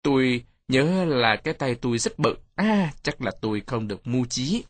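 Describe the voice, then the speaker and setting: A man's voice: medium pitch, animated, normal speed, no echo, natural voice. A man doing a jovial teasing uncle. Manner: teasing, playful.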